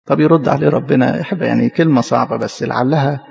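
A man with an Egyptian Arabic accent, a priest preaching a sermon who acts out quoted voices and slows down for scripture. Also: medium pitch, gravelly, a little mellow, big-room sound, muffled recording.

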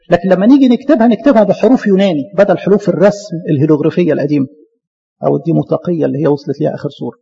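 A man with an Egyptian Arabic accent giving a lively church lecture, talking to his listeners as his beloved. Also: high voice, gravelly, breathy edge, big-room sound, muffled recording. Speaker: Coptic church speaker.

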